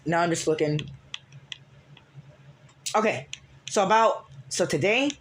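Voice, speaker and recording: A man's voice: sits high, a little slow, a bit bright, slight background noise. A man telling a rambling storytime vlog, full of restarts and fillers. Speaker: vlogger. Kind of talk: casual storytime recap.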